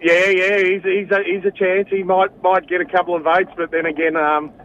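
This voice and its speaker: An Australian man chatting casually as a radio interview guest, laid-back and matey with a halting delivery. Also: sits high, flat delivery, fairly bright tone. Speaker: cricket association president, interview guest. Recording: dull lo-fi line, faint noise.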